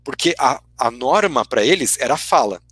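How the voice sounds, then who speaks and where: A man's voice: medium pitch, lively intonation, normal speed, fairly bright tone, breathy edge, no room sound. A man with a Brazilian Portuguese accent, a guest lecturer giving a teacherly explanation, tagging his sentences with constant "né" questions. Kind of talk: explanatory academic talk.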